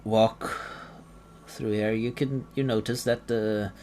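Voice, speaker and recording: A man's voice: on the low side, slow. A man narrating a tabletop game as game master, hesitant with many fillers and restarts. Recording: steady background noise.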